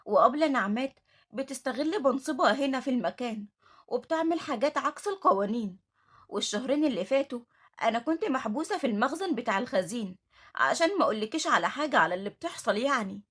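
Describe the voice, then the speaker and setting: A scared young orphan girl with an Egyptian accent, pleading fast and earnestly, as a woman reads her part. The voice sits high and a little husky. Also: animated, a bit bright. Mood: fearful. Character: frightened teenage orphan girl.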